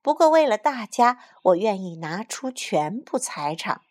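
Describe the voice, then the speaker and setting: A woman's voice: mid-range voice, very animated, a little slow, darkish tone. A woman playing a pompous, greedy male mayor who drawls smugly and throws in English words. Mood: boastful. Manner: boastful, smug drawl, mixing in English.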